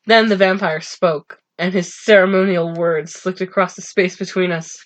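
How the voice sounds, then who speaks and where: A woman's voice: lowish voice, steady tone, normal speed. A woman co-hosting a podcast, reading a novel aloud in a breezy, casual way. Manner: reads aloud in a breezy way, breaks into laughter.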